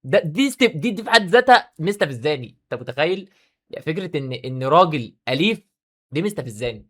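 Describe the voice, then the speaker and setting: Rapid-fire Egyptian man arguing back. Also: on the high side. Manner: animated, argumentative, talks back to a clip. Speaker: reaction video creator. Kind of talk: reaction video commentary.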